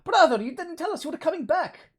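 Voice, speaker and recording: Guy doing hyper young twin bros yelling high and loud. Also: animated, fast talker. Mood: cheerful. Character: excited twin brothers, young men.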